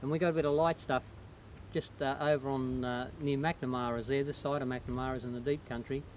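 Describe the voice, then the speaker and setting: A man's voice: mid-range voice, steady tone, brisk. A middle-aged or older man with an Australian accent, casually recalling the past in conversation. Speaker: interviewer joining in with memories. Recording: clearly noisy amateur recording.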